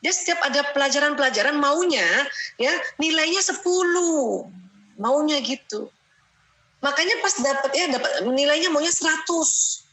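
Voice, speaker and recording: A middle-aged woman leads a parenting seminar in a bright, slightly high voice. Her delivery is animated and full of laughter, with a habit of tucking "ya" between her points. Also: moderate pace, poor audio. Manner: lively, often laughing, quotes her children; peppers sentences with "ya". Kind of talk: seminar talk to an audience.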